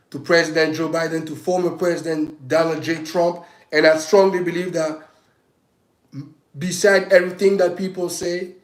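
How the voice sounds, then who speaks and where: A fairly high-pitched man from Africa, who presents himself as a state governor, gives an impassioned, emphatic livestream monologue on politics, repeatedly restarting as he makes his case. An echoey room and low-quality recording mark the audio.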